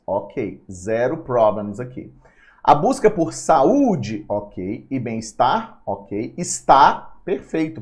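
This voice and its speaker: A man teaching an exam-prep grammar lesson, playful and chatty, often talking to himself. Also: a little high. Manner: lively, playful, talks to himself.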